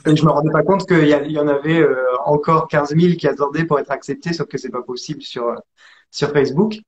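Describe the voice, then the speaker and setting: A man from France telling his story as an interview guest, hesitant with many pauses and restarts. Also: on the high side, steady tone, lo-fi sound, a little hiss or hum. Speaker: interview guest, acrobat and actor.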